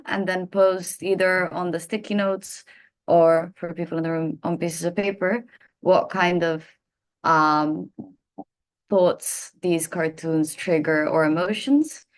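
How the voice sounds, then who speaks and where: Heard over a video call, a workshop facilitator from Serbia leads seminar participants through an activity, often filling pauses with "um." She has a lowish voice and takes it slowly.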